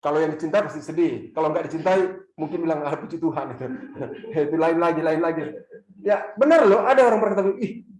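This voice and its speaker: A man preaching a sermon as pastor, asking the congregation questions and repeating key lines, at times rising to loud, fervent preaching. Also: fairly high pitch, fairly quick. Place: church hall. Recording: echoey church hall.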